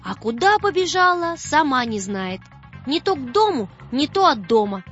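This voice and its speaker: A woman narrating a children's story in an expressive storytelling manner. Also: high voice, moderate pace. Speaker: audiobook narrator. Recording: dull dry recording with faint music.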